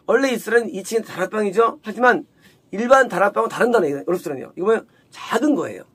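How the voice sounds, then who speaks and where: Husky high-voiced male preacher. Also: expressive, fast talker. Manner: asks and answers own rhetorical questions; acts out the quoted woman in a raised, sharp voice. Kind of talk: sermon, Bible exposition.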